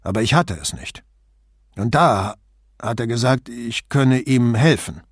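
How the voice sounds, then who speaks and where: A man's voice: medium pitch, animated, measured pace, breathy edge, no room sound, clean studio sound. Man voicing an evasive, touchy suspect. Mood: defensive. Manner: defensive, indignant.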